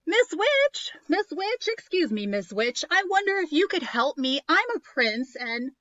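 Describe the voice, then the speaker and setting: A woman's voice: sits high, very animated, a little slow, a bit bright, no echo, lo-fi sound, pitched above the performer's own voice, heavily acted. A woman voicing an eager young frog prince who pleads insistently and gets flustered. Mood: pleading.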